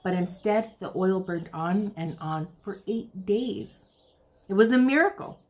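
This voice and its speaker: Reading to young children as a storytime host, this American woman, roughly in her thirties, gives a picture book an expressive performance. Her voice sits at a medium pitch, and she keeps her delivery measured.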